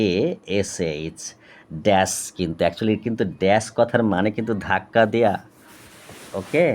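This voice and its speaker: A man tutor with a Bengali accent dictates an English reading word by word, names each punctuation mark aloud, and explains terms in Bengali. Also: on the low side. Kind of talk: slow dictation lesson.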